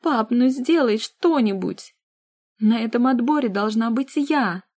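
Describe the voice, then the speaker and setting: A woman putting on a shrill, spoiled young sister. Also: steady tone, moderate pace, warm tone, no echo, lightly acted. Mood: mocking scornful. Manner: shrieking, bratty, sneering.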